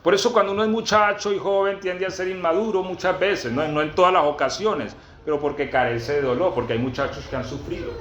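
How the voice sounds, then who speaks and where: Male pastor, fairly high voice, teaching sermon, quizzes the congregation, dull recording. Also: fairly bright tone, a little hiss or hum. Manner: peppers teaching with questions to the congregation; reads scripture aloud slowly and emphatically. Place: church gathering with a congregation. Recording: roomy, dull low-fi sound.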